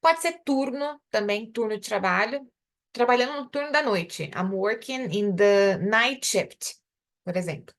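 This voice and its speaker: This young woman, speaking with a Brazilian Portuguese accent, runs a live online English class, giving explanations in Portuguese while enunciating the English examples slowly and with care. She has a fairly high pitch and a lively, varied intonation.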